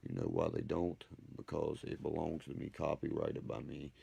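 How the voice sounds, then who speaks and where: Very deep, gravelly man ranting on a livestream. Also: moderate pace, mellow. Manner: profane, boastful, ranting; reads and answers viewer comments. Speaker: livestream host. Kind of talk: rambling livestream monologue.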